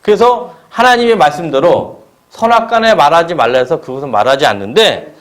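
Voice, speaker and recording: Male preacher, fairly high and very animated voice, quizzes the congregation as he preaches. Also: a little fast. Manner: asks the congregation question-and-answer pairs. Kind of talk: sermon. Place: church service.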